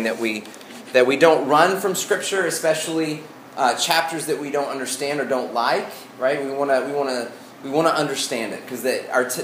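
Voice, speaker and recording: A male pastor with a Southern accent from Arkansas teaches in an informal, folksy way. His mid-range voice moves haltingly, doubling back on the openings of phrases. The room rings with echo, and a faint noise sits behind him. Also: mid-range voice. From Arkansas, United States. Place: indoor room before a congregation.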